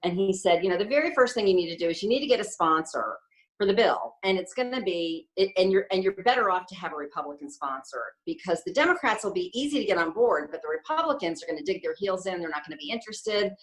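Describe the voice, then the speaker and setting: A woman's voice: on the low side, expressive, fast, poor audio. A woman speaking at a conference, plainly recounting events and quoting what others said. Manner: plain narrative, quotes others.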